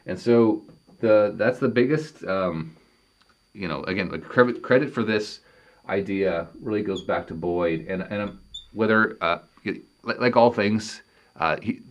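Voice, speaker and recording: Deep-voiced man lecturing at a whiteboard. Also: fairly bright tone. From Canada. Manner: halting, thinks aloud while writing equations.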